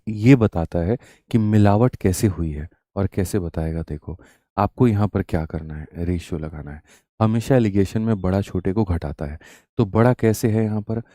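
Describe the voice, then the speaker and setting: A male maths teacher with a sore, hoarse throat leads a live online lesson. His voice is low and very dark, recorded dry and close. He keeps asking rhetorical questions and calls his students "brother". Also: no echo. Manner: addresses students as "mere bhai" and "bachchon", with repetitive rhetorical questions.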